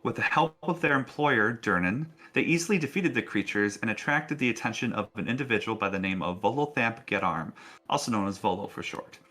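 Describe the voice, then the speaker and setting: Faint music sits behind a man hosting a tabletop role-playing show as game master, who talks casually and encouragingly to players and viewers. His voice is on the low side, bright and forceful, animated, and a little fast.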